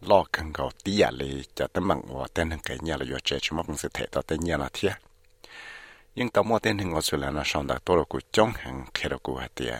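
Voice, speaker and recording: A man with a strikingly deep, low voice reads the news in a steady, measured manner. The recording is dry and close, with no room sound around him. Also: no echo. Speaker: news narrator. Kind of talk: scripted news narration.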